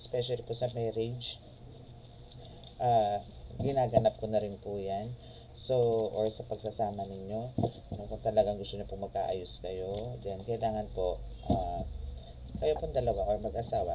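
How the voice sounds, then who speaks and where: A man's voice: fairly low pitch, background noise. A man giving a casual tarot reading, chatty and polite, full of fillers and respectful asides. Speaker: tarot reader and spiritual healer.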